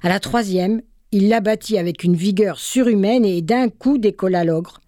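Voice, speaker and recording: A woman reading a literary fairy tale aloud with measured, expressive narration. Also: mid-range voice, no echo, studio quality. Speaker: storyteller.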